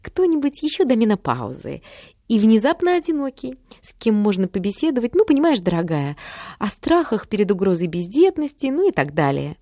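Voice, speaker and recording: A woman's voice: medium pitch, very animated, fairly quick, dark tone, dry recording, clean studio sound, pitched above the performer's own voice. A woman reading an audiobook, voicing a pushy, theatrical older mother with a gushing, wheedling manner.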